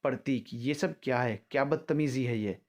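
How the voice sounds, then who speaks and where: A man's voice: mid-range voice, normal speed, muffled recording, close to an everyday voice. A man voicing a defiant married young woman in a storybook love story, snapping back sharply. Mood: angry. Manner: sharp, angry retorts.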